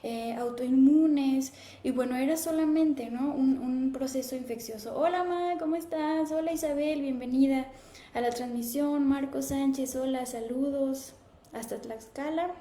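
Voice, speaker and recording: Woman in her thirties, high pitched, mellow tone, live stream host, echoey room. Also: measured pace. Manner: warm, conversational, reads viewer comments aloud. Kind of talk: casual live stream talk, greeting viewers.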